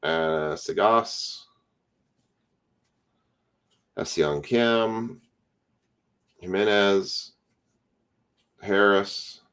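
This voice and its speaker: A man's voice: on the low side, extremely slow, fairly bright tone, clean tone. A tired man hosting a casual card break, calling out player names as he opens packs. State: tired, yawning.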